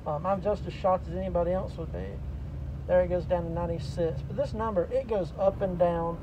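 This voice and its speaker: A man's voice: high-pitched, fairly even intonation, fairly quick, lo-fi sound. A man talking through a stack of face masks, explaining step by step in a matter-of-fact casual vlog from inside a parked delivery vehicle. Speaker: delivery driver vlogger. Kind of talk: casual vlog talk to camera. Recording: noisy vehicle ambience.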